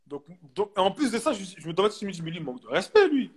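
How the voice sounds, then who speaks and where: A young man chatting casually as a guest, telling a story in animated street slang and repeating himself for emphasis. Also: high-pitched, very fast, slightly rough. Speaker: guest, basketball player.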